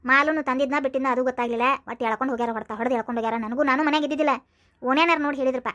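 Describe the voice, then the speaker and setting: A woman's voice: sits high, steady tone, rapid-fire, fairly bright tone. A rambling cartoon mother of two thieving sons, voiced by a woman. She speaks, fussing and prodding her listener with little "aa?" asides. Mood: explaining. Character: fussy middle-aged mother of thieving sons. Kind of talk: cartoon voice acting.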